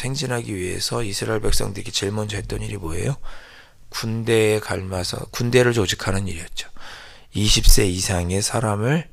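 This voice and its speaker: A man's voice: lowish voice, gravelly, a bit bright. A male pastor preaching an early-morning prayer sermon. He asks his congregation questions and answers them himself, and drops to a whisper on key phrases. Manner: sounds out the people's complaint as a pleading prayer.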